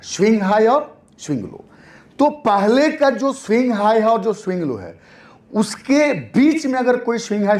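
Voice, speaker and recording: A man's voice: sits high, a little mellow. A man teaching a trading lesson in a classroom style, repeating points and answering his own questions.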